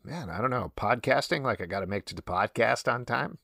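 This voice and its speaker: A man's voice: mid-range voice, lively intonation, brisk, creaky, sharp tone, no room sound, clean studio sound. A man co-hosting a podcast in casual discussion. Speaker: podcast co-host.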